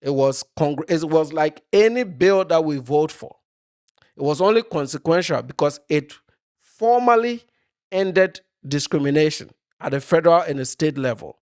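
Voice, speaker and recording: A man's voice: fairly high pitch, no echo, clean studio sound. A man giving opinionated commentary off the cuff, arguing emphatically and often checking in with a short tag question. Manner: emphatic, argumentative, checks in with "okay?" and "right?".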